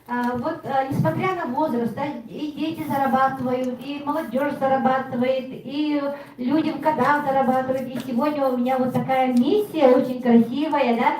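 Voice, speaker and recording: A woman's voice: high voice, steady tone, normal speed. A woman presenting at a team meeting, upbeat and full of fillers. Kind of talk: presentation and award ceremony. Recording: echoey room, far from mic, faint noise.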